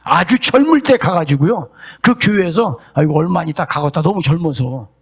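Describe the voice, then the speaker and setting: A middle-aged man preaching, his voice pitched high and slightly husky. He moves widely in pitch, swinging from quiet conversational asides to fervent shouted and half-sung appeals. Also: expressive, moderate pace. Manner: impassioned preaching, rising to shouts and sung cries. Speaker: pastor. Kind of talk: sermon.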